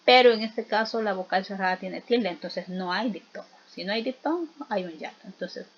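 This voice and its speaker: A woman teaching a spelling lesson, explaining slowly and patiently and often checking in with her students. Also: medium pitch, muffled recording, slight background noise. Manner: slow, patient explaining with frequent check-in questions.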